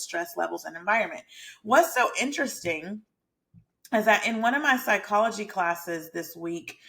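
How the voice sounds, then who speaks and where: A woman's voice: mid-range voice, a bit bright. Woman, thirties, Georgia Southern accent. Informal vlog host and mentor, conversational explainer delivery addressed straight to the viewer. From Georgia, USA. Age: 30s. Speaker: mindset mentor and YouTube host. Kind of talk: casual chatty explainer vlog.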